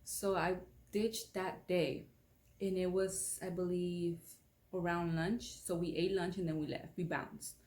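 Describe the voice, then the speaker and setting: A young woman tells a story straight to camera in a loose, rambling way, full of fillers. Her voice sits low and mellow. The room around her is echoey. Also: level tone, measured pace. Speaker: beauty vlogger. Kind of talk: casual storytime vlog.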